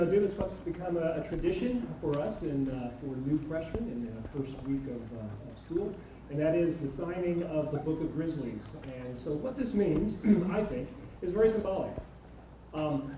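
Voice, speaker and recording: A man hosting a ceremony in a large auditorium, speaking informally and haltingly and repeating words. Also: a little high. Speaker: ceremony host. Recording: very echoey hall, distant, faint noise.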